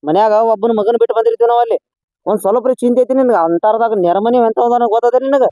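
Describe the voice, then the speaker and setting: A man's voice: very high voice, fast talker, dark tone, no room sound, lo-fi sound. A man with a North Karnataka Kannada accent, playing a scolding, blustering father in a comedy skit. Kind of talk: scripted comedy skit dialogue.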